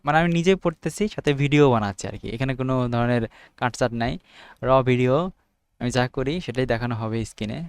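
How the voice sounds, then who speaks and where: A young man with a Bangladeshi Bengali accent, a student giving an informal, unedited study lesson, thinking aloud and reading English definitions out slowly word by word. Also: medium pitch, clean tone, no room sound. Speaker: student making study videos.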